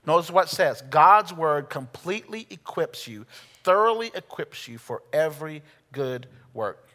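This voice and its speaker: An American man in his forties preaching a sermon as a pastor, reading scripture and speaking with emphatic pauses. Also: fairly high pitch, lively intonation, bright, forceful tone. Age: 40s. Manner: emphatic, rhetorical questions and pauses. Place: large reverberant room before a congregation. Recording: long hall reverb.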